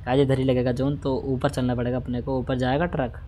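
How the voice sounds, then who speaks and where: A man doing excited live commentary over a shooter game, firing off repeated words in rapid bursts. Between the action he hums la-la to himself and keeps asking his viewers to follow and share. His voice sits at an ordinary pitch for a man. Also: a little hiss or hum. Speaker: gaming livestreamer.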